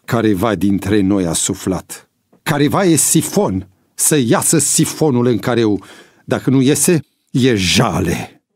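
A man's voice: on the low side, big pitch swings, a little mellow, husky, no room sound, studio quality, heavily acted. A man voicing an angry male inmate leader who blusters and threatens.

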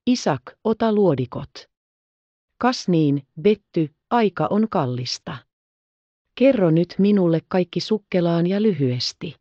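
A calm, commanding older colonel, as a woman narrator reads him. He gives brisk orders in a low, mellow voice. The audio is dry and slightly dull. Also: dry recording.

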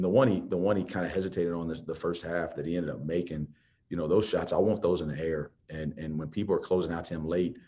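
A man's voice: low voice, mellow. A man, a head basketball coach, answering reporters' questions in a post-game press conference, talking conversationally with many restarts.

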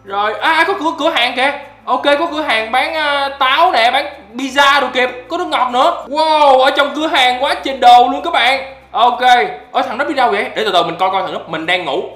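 A man doing excitable gameplay commentary as a YouTuber, often breaking into loud exclamations. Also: very high voice, a little fast, hardly any pauses, reverberant, soft background music. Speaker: gaming YouTuber.

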